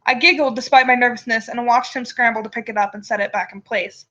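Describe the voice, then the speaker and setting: A woman's voice: a little high, steady tone, fast. A woman storyteller reading a first-person tale aloud on a dull, lo-fi microphone. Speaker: storyteller and show host.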